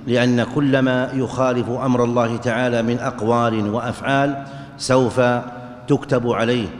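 A man giving a religious lesson, explaining texts in a measured, explanatory way and chanting the verses he quotes. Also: medium pitch. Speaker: religious teacher. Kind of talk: explaining hadith in a lecture. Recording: echoey hall with long reverb.

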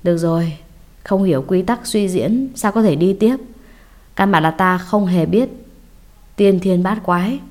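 A woman's voice: fairly low pitch, expressive, darkish tone. A woman voicing a weary, grudging elderly male Taoist master in an audio storybook. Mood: resigned. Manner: tired, sighing, slow to explain.

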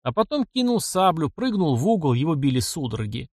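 Male audiobook narrator, expressive, animated pitch, dry close recording. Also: fairly quick, no echo.

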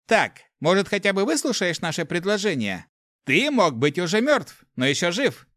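A man's voice: high-pitched, very animated, moderate pace, a bit bright, no room sound, studio quality, voice pushed up. A man doing a gleeful mocking young thief. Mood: coaxing. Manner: taunting, sing-song. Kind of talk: audiobook character voice.

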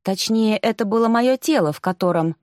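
A woman narrating a first-person fantasy audiobook in a lively, expressive manner. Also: mid-range voice, fairly quick, no echo, clean studio sound.

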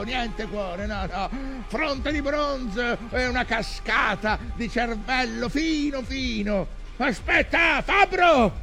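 Captain Ahab, high-pitched, imperious obsessed whaler. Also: male voice, exaggerated voice. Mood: frenzied, commanding. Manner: grandiose, imperious declamation. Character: obsessed, commanding old whaling captain with an injured leg. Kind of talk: theatrical stage monologue. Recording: music loud behind the voice.

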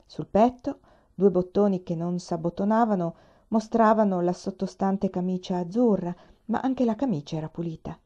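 A woman reading a novel aloud in a steady, measured way. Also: medium pitch. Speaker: audiobook reader. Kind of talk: scripted narration of a novel. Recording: dull lo-fi recording.

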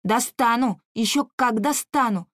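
High, stubborn girl who flares up fast , read by a woman. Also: dry recording, clean studio sound. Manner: hot-headed, stubborn, soon calms down. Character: quick-tempered girl, the narrator's sister.

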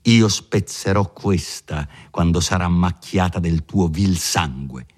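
A man voicing an arrogant noble gentleman who speaks in a haughty, commanding, contemptuous way. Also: low voice, slow. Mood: haughty, scornful.

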